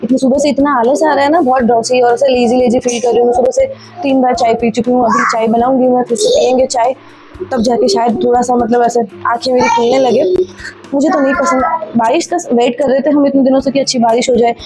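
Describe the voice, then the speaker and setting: High-voiced chatty young woman vlogger. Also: steady tone, fast talker, heavy background noise. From Rajasthan, India. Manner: chatty, rambling, talks straight to viewers. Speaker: vlogger and mother. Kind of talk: casual daily-life vlog narration. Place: at home, indoors.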